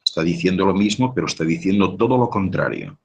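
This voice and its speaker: A man's voice: low voice, expressive, fast, slight background noise, rough recording. A man giving a live talk, answering audience questions with long explanations and frequent rhetorical question tags. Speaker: guest speaker on sound and language.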